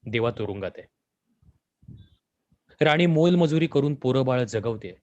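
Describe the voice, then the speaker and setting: A man reading a story aloud in a measured, expressive way. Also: medium pitch, no echo, lo-fi sound. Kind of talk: scripted story narration.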